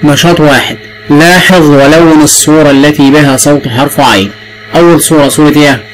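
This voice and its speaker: A man's voice: a little high, steady tone, soft background music, rough recording. A man with an Egyptian accent teaching the alphabet to young children, drawing out sounds and prompting patiently. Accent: Egyptian Arabic. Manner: patient, drawn-out and repetitive prompting.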